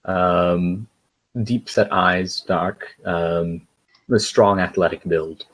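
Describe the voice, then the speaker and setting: Man, deep low voice, game master, halting delivery full of ums. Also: steady tone, fairly bright tone, rough recording. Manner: hesitant, lots of fillers. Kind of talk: narrating a tabletop game.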